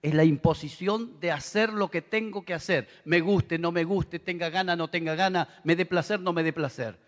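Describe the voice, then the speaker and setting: Argentine pastor preaching in a hall. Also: male voice, fairly high pitch, moderate pace. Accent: Argentine Spanish. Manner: conversational preaching, animated with asides to the audience. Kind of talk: sermon. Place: large convention hall. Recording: long reverb of a big hall.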